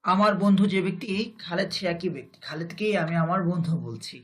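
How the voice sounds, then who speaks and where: Male teacher with a Bangladeshi Bengali accent, high voice, slow and deliberate, repeats phrases and then translates them. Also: fairly bright tone. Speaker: Arabic grammar teacher. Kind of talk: recorded grammar lesson.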